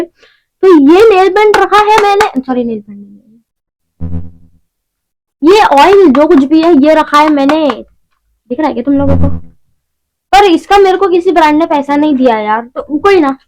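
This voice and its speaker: A woman's voice: high-pitched, a little mellow, low-quality recording. A young woman talking casually through a beauty haul at home, chatty and rambling with self-mocking asides. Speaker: beauty vlogger. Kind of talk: casual shopping haul vlog.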